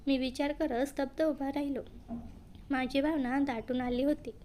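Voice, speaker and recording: A woman narrating a first-person story in a plain, even storytelling manner. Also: high voice, normal speed, slight background noise.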